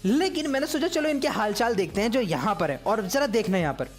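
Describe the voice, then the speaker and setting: A man giving casual, joking commentary over footage of his own mobile game match. He speaks at an ordinary pitch and keeps addressing viewers as brothers. Faint music plays under his voice. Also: sing-song, fast talker. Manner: chatty, teasing, keeps saying "bhai sahab".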